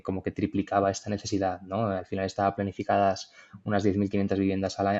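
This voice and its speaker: A man's voice: fairly low pitch, dark tone, highs cut off. A young man from Madrid with a Madrid Spanish accent, co-hosting a casual podcast conversation, thoughtful and hesitant with many fillers and restarts. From Madrid, Spain. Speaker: podcast co-host.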